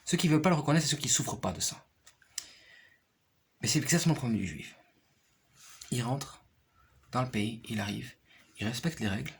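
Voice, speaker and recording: A man's voice: mid-range voice, lively intonation, a little fast, creaky, pauses often, slightly rough. A man talking casually and at length in a rambling way, repeating phrases and often checking that his listener follows. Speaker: piano player and teacher. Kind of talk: casual personal conversation.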